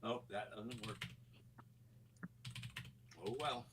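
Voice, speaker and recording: A man's voice: fairly low pitch, fairly even intonation, drawn-out words, noisy background. A man on a casual tech chat, muttering to himself while fiddling with settings, his voice muffled and distant as if heard through a wall from another room.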